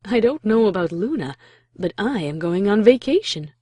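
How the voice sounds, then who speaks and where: A woman's voice: mid-range voice, very animated, moderate pace, dark tone, breathy edge, no room sound. A woman playing a regal, benevolent older pony princess who speaks nonchalantly and slyly in a fan fiction audio drama. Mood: breezy. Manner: nonchalant, casual, composed.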